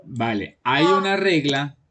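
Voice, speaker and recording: A man's voice: on the high side, lively intonation, slow, a bit bright, breathy edge. A man, teaching an online class to children, patiently explaining and often checking that they follow. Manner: patient, repeats "¿listo?" to check understanding.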